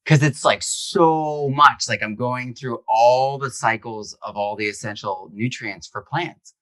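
A man's voice: medium pitch, unhurried, fairly bright tone, dry recording. A male author being interviewed, speaking casually and animatedly with lots of "like". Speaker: author and guest. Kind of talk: conversational interview.

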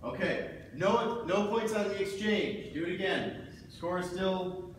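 A man refereeing a sparring match with booming, commanding announcer-like calls. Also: a little slow. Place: large indoor gym with rubber floor. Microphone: distant camera microphone. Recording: distant camera in echoey hall, background noise.

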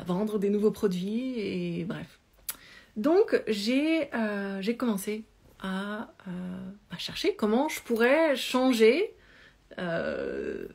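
Woman in her thirties, yoga coach telling her life story at home into a close camera, chatty, lots of fillers and restarts. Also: medium pitch. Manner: chatty, animated hand gestures, many fillers and restarts. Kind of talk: casual personal storytelling. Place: small indoor room at home. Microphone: phone or webcam close to face.

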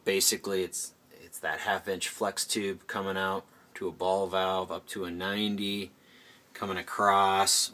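Deep-voiced man rambling casually. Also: a bit bright, a little hiss or hum. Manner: rambling, self-correcting, addresses viewers as guys. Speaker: hobbyist host. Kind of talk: casual walkthrough. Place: home indoors.

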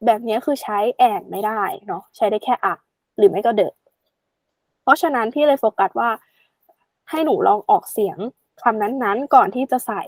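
A woman with a voice on the high side tutors a student casually and chattily, addressing the learner affectionately. She slows right down to spell out English examples, and there's no echo.

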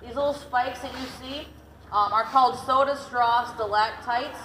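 This cave boat tour guide is a chatty, joking woman born in Detroit who was partly raised in Tennessee. Her slightly high voice is steady, a bit bright and moderately paced as she tells stories on an underground lake. Captured on a passenger's distant camera, the recording has a little hiss or hum and people talking nearby.

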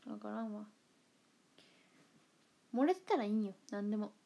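Chatty husky young woman with Kansai accent. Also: medium pitch, animated. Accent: Kansai Japanese. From Kansai, Japan. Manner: chatty and playful, giggly, quick shifts between loud and murmured asides. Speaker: idol livestreamer. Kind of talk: casual livestream chat reading comments.

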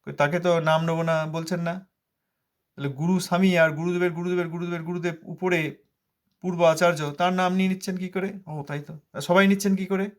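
A man's voice: high-pitched, steady tone, fairly quick. A man giving a devotional sermon as a spiritual teacher, stressing points by repeating them and answering his own rhetorical questions. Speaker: spiritual teacher expounding scripture.

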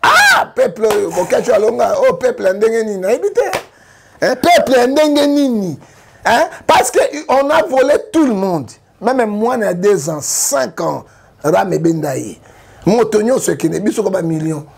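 A man from Congo with a Congolese French accent, giving animated political commentary full of rhetorical questions. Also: high voice, moderate pace, vocal fry, slightly rough. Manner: emphatic, rhetorical questions, frequent "hein?".

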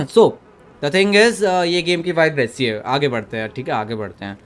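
High-voiced young man streaming, joking banter. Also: moderate pace. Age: young adult. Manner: joking, switching between Hindi and English, yelling at the game character. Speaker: gaming streamer. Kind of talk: horror game live stream commentary. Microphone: desk microphone.

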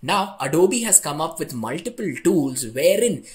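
A man's voice: fairly high pitch, very animated, moderate pace. A young man teaching a tech tutorial in a chatty way, often checking in with "right?". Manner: conversational, ends points with "right?". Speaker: online instructor.

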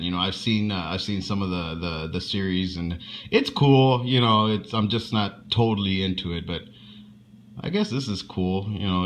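A man with a fairly low voice talks loosely through an unboxing, stopping and restarting often and swearing as he goes. A faint hiss sits under his voice. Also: a bit bright. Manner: rambling, profane, halting. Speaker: unboxing vlogger. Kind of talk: casual unboxing commentary.

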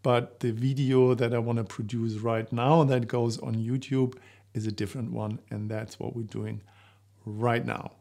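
Middle-aged man presenting, even pitch. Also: measured pace, vocal fry. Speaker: presenter, coach and author. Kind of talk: to-camera promotional presentation. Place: small living-room home studio indoors. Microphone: shotgun microphone just out of frame.

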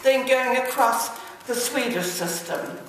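Older woman, persuasive, somewhat high voice, distant echoey room. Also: slow, a bit bright, slight background noise. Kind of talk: remarks to a meeting.

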